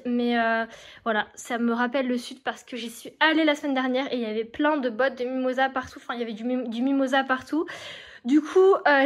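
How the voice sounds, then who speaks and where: High-voiced chatty French woman vlogger. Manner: chatty, enthusiastic, filler-heavy. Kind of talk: casual chatty vlog. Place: her apartment.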